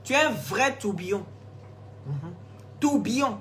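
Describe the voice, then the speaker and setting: A hoarse woman, scolding and gossiping in a casual live stream, laughing often. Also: medium pitch, a little slow, slight background noise. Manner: animated, scolding, laughs a lot. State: hoarse, sore throat.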